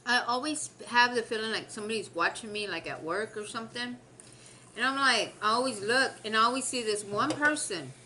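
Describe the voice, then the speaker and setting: A woman with a bright, forceful voice chats casually to the camera as she eats. She is talkative and exclaims as she airs her complaints, with clear background noise around her. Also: a little high, fairly quick, rough recording. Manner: talking while eating. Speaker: mukbang vlogger. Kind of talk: casual chat to camera while eating.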